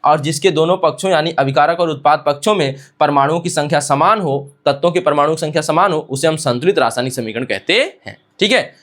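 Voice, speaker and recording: A man with a high, fairly bright voice gives a science lecture in class. He poses a question to the students and answers it himself, then slowly repeats each definition word by word so they can write it down.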